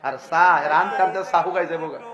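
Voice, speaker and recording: A man's voice: a little high, a little fast, muffled recording. A man preaching a humorous sermon in a chatty, joking way, often laughing as he talks. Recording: live event with loud crowd.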